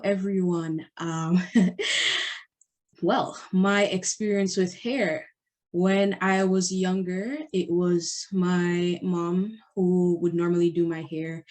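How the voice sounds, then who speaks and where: A young woman guest telling personal stories in a chatty, animated way. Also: fairly low pitch. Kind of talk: casual personal storytelling.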